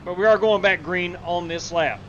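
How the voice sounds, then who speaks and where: A male race car driver chats casually with his crew during a race. His voice sits fairly high for a man, and vehicle noise runs clearly behind it. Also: moderate pace, fairly bright tone, highs cut off.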